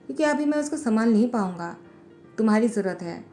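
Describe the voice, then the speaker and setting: Brief: a woman reading as a curt, scheming young male boss, higher and mellow, storybook reading. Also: animated, quick pace, soft background music, natural voice. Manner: curt, bossy. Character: cold scheming young male company president.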